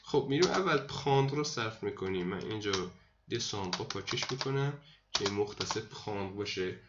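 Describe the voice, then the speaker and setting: A male language teacher with a Persian accent explains grammar and repeats words slowly to drill pronunciation. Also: on the low side, lively intonation. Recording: dull lo-fi sound with faint hiss.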